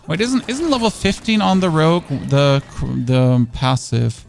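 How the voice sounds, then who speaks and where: A gravelly-voiced man whose first language is German chats casually during gameplay on stream, speaking at a fairly high pitch with big swings and an unhurried pace. He rambles, answers chat questions, and restarts often, recorded on a studio dynamic mic with faint music behind.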